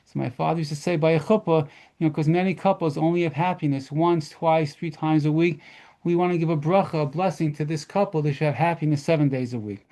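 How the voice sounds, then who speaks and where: Warm-voiced rabbi telling stories. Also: male voice, fairly high pitch, fast. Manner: lively storyteller, mixes in Hebrew terms. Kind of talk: storytelling lesson at a model seder.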